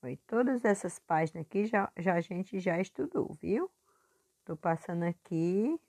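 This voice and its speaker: A woman teacher recording a lesson review for her pupils, patient and clear, stretching words out to stress syllables. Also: on the low side, animated, unhurried, darkish tone.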